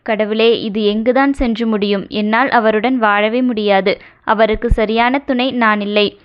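A woman's voice: fairly high pitch, fairly even intonation, a little slow, clean tone, lightly acted. A woman voicing a young wife who is anxious, tearful and blames herself, read in an audio novel. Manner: pleading, guilt-ridden. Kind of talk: audio novel character reading. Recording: dull lo-fi recording.

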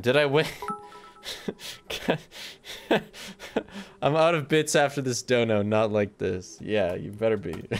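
A man's voice: mid-range voice, creaky. A man streaming a video game, commenting casually, joking with chat and laughing often.

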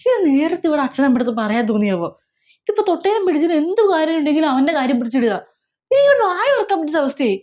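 A woman's voice: high voice, very animated, rapid-fire, darkish tone, lo-fi sound. A woman playing a melodramatic middle-aged mother in a comedy sketch, scolding and lamenting over and over. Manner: scolding, wailing, repeats herself. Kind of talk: comedy sketch role-play.

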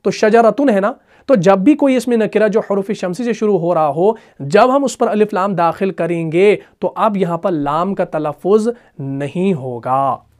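A man with a fairly high voice gives a grammar lesson on reading the Quran. He chants example words slowly and drawn out, then explains them. He keeps pausing to check that his students follow. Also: a little mellow. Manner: slow drawn-out recitation of example words, frequent "theek hai na" check-ins. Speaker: Quran teacher.

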